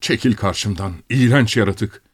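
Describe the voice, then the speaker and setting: A man's voice: fairly low pitch, lively intonation, moderate pace. A man voicing an anguished, remorseful husband who groans bitterly, in an audiobook story.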